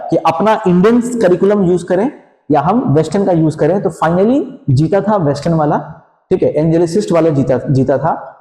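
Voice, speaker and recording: A man's voice: on the high side, mellow. Man lecturing in an echoey classroom. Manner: explains in Hinglish with frequent "theek hai" check-ins and rhetorical questions. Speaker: teacher. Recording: echoey classroom, long reverb.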